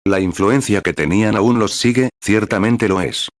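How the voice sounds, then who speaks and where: A man's voice: fairly low pitch, moderate pace, no echo. A man reading a translated sermon aloud in an earnest preaching manner, with numbered paragraphs and prayers.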